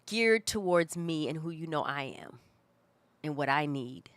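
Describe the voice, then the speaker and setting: A hoarse woman with a cold, co-hosting a casual chat and telling stories in an animated way. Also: deep voice, a little slow, dry recording. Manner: animated, chatty storytelling. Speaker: co-host.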